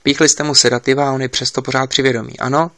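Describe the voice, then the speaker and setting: A man's voice: mid-range voice, little pitch movement, bright, forceful tone, no room sound, lightly acted. A man reading an audiobook, voicing an insistent investigator giving urgent instructions over a line.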